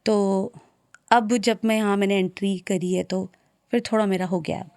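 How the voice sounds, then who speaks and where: A young woman from Uttarakhand, a singer, talking softly and a little hesitantly as an interview guest. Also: mid-range voice, steady tone, normal speed, smooth, no room sound, clean studio sound. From Uttarakhand, India. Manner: soft-spoken, shy, hesitant. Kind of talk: casual interview conversation.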